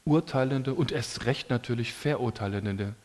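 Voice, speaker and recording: A man preaching a sermon to a congregation in a casual, colloquial way, with lively emphasis. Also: medium pitch, normal speed.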